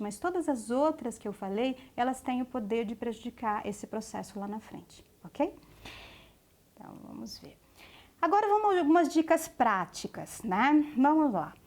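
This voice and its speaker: A Brazilian woman speech therapist explaining children's speech development to parents, checking in often with tag questions and slowing down for warnings. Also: fairly high pitch, darkish tone. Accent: Brazilian Portuguese. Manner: slows to stress warnings. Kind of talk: educational talk to parents.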